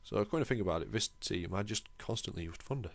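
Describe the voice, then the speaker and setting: Talking fast in a very low, creaky voice, a young channel host narrates his gameplay in a relaxed, chatty way, poking fun at himself and getting lightly excited. The recording is close and dry, without any room sound.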